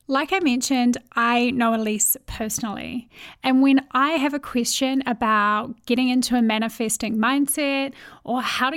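A woman with a New Zealand accent and a fairly high voice hosts a podcast, reading an earnest, upbeat intro before interviewing a guest. The studio sound is clean, with no room sound.

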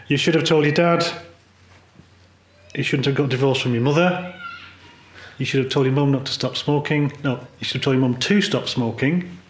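A man's voice: medium pitch, moderate pace, long pauses, a little hiss or hum. A man, a polar photographer talking candidly and earnestly as a podcast guest, with a wry edge. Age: 50s. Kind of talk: reflective conversational chat. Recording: roomy echo.

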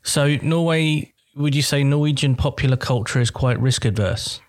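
A man's voice: medium pitch, moderate pace. A man chatting casually as a podcast co-host, asking questions and helping his partner find English words. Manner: curious, asks questions, helps with words. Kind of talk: casual chat.

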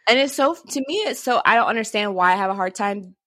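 A woman's voice: mid-range voice, expressive, fast talker, a bit bright, no room sound. A young woman co-hosting a casual chat, rambling with lots of fillers. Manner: chatty, rambling, many fillers. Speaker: co-host.

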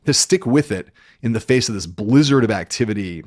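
Casting: male podcast host, lowish voice, close dry sound, halting yet emphatic interview style. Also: expressive, no room sound. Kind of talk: conversational interview.

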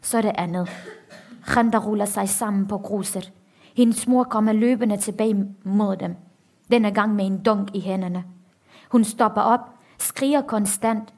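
A woman author reading a passage from her book aloud in a steady, grave manner. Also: medium pitch.

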